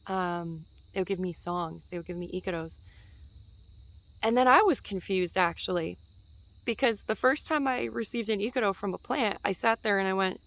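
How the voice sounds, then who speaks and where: A woman's voice: medium pitch, moderate pace, fairly bright tone, low-quality recording. A woman in her twenties giving a casual spiritual teaching outdoors in a forest, chatty and meandering, with fillers and light laughs.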